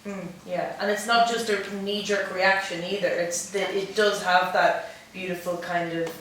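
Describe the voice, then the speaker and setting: A woman's voice: on the low side, fairly even intonation, moderate pace, a bit bright, slight background noise. A woman in the audience, earnestly searching for words. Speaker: audience member. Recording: echoey hall, distant mic.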